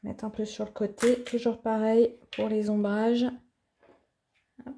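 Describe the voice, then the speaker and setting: A woman's voice: fairly high pitch, little pitch movement, measured pace, vocal fry, warm tone, slight background noise. A woman hosting an art tutorial in her home office, chatting casually and thinking aloud with plenty of fillers as she demonstrates.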